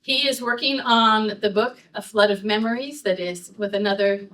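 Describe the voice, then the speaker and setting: A woman hosts a library talk and reads the guest's introduction from notes. She slips and says um now and then, and her voice sits at a middle pitch. The mic catches her from across the room. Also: normal speed, a bit bright, recorded from a distance. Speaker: event host introducing the speaker. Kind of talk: reading a speaker introduction.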